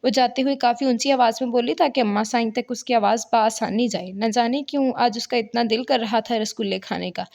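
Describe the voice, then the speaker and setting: Woman narrating a novel, higher voice. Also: gravelly, hardly any pauses, a little mellow.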